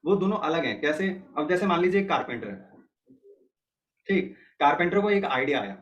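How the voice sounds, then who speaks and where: Higher-voiced man teaching an online class. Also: expressive, moderate pace, highs cut off. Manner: explains step by step, keeps checking students follow.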